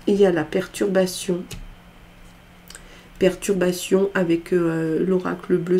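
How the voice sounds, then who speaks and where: Congested from a cold, a woman does a tarot reading in a relaxed, tentative manner full of filler sounds. Her warm voice is on the low side and creaky. Some faint noise is audible behind her.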